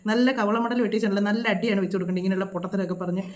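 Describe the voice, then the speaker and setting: Fast-talking indignant woman. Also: medium pitch, fairly even intonation, darkish tone. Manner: scolding, indignant, rapid rhetorical questions. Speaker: vlogger. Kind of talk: opinionated reaction commentary.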